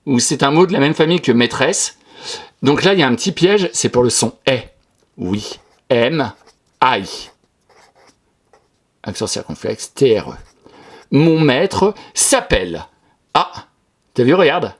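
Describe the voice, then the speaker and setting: Male schoolteacher, animated sing-song delivery, encouraging tone, correcting spelling aloud for a class, mid-pitched voice. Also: a little slow, long pauses. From France. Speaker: primary school teacher. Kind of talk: correcting a pupil's dictation for a class.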